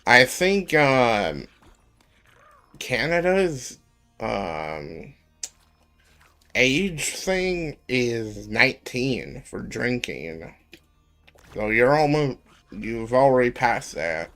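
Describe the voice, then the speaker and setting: A man in his twenties chatting casually on a live stream, rambling with lots of ums and pauses. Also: mid-range voice, very animated, a bit bright, soft background music. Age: 20s.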